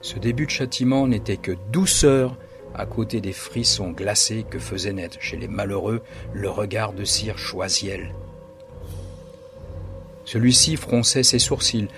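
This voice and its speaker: A man reading a story aloud in a dramatic, measured narration. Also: on the low side.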